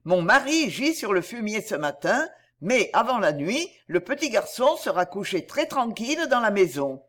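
A menacing queen cobra speaks in measured, taunting tones, cruel and sure of her kill, as a woman puts her on. Her voice moves lively up and down as she mocks her prey. It is a storybook villain, cold and unhurried. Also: mid-range voice.

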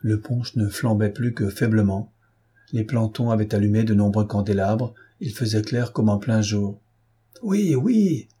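A man narrates an old novel in a low, dark voice. His tone is husky and mellow, and he lifts his pitch brightly whenever he quotes the young officers. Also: little pitch movement, moderate pace. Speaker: audiobook reader. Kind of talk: scripted narration of a classic novel.

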